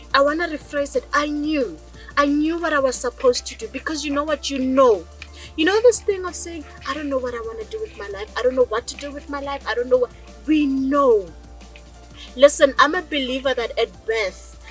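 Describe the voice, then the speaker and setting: High-voiced South African woman storyteller. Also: a bit bright, rough recording. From rural South Africa. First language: Northern Sotho (Lobedu). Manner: chatty, addresses viewers directly with rhetorical questions. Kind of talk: direct-to-camera personal vlog.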